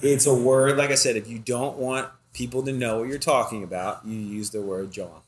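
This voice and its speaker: A man's voice: mid-range voice, steady tone, moderate pace, a little hiss or hum. A man from Philadelphia with a Philadelphia accent and a stuffy nose, chatting as a podcast guest and explaining things with lots of examples and restarts. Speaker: guest, restaurant food and beverage director. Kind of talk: casual podcast conversation.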